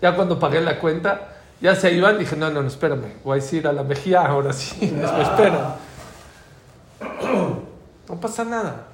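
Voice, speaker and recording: A middle-aged man with a Mexican Spanish accent and a voice on the high side speaks at normal speed, pausing often, during an informal religious class. He narrates anecdotes in lively fashion and dramatizes the dialogue, recorded in an echoey room with faint ambient noise.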